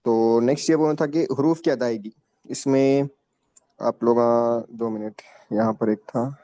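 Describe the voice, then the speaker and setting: A man teaching a children's tajweed class, stretching each letter slowly and explaining patiently in with mixed in. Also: mid-range voice, steady tone, mellow, dry recording. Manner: slow, drawn-out letter pronunciation with patient explanations. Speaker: Quran recitation teacher.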